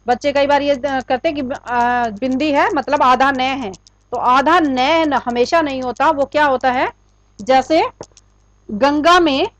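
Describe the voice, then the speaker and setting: A woman's voice: high voice, no room sound, poor audio. A woman teaching a grammar lesson, explaining patiently and asking questions that she answers herself. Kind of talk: classroom-style grammar lesson.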